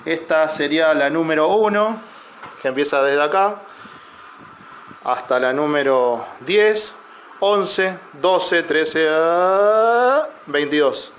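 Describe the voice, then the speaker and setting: Man, workshop repair tutorial, a bit high-pitched, faint room noise behind. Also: slow. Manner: loose, explanatory, many fillers and restarts. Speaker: electronics repair technician. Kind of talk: casual technical tutorial.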